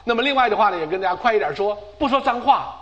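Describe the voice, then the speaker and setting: Lively high-voiced male pastor preaching. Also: rapid-fire, highs cut off. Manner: emphatic preaching, repeats phrases for stress. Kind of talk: sermon.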